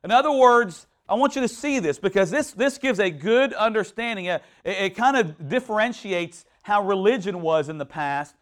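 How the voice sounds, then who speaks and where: Male pastor, sermon, high-pitched voice, conversational, animated, mock shouting. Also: moderate pace, hardly any pauses.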